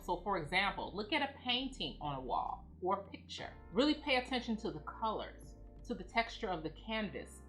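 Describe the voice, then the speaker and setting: A woman giving calm, measured instructions as she guides listeners through a grounding exercise. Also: mid-range voice, rough recording. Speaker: presenter of anxiety grounding techniques. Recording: music playing behind the voice. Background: background music.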